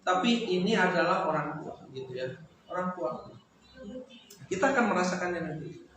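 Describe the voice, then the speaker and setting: A man's voice: high-pitched, fairly bright tone. A man with a Sundanese accent giving a religious study lecture, talking conversationally to the women listening and slipping in local words. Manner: mixes in local words, pauses with fillers. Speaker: religious teacher. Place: hall at a weekly study gathering. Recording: very echoey hall, faint noise.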